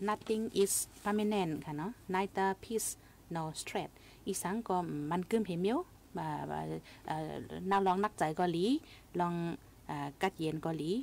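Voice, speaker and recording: Gravelly-voiced woman hosting radio talk. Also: fairly low pitch, moderate pace, darkish tone, slight background noise. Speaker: radio host.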